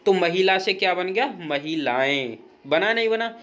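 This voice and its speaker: A man's voice: high-pitched, fairly even intonation, brisk, fairly bright tone. A man teaching grammar in a recorded lesson, patient and repetitive, often checking in with the viewer and pointing things out step by step.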